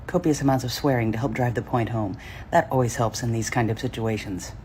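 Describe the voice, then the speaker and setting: A man's voice: medium pitch, a little fast, a little mellow, slight background noise. A man giving a commentary voiceover in a dry, sarcastic way.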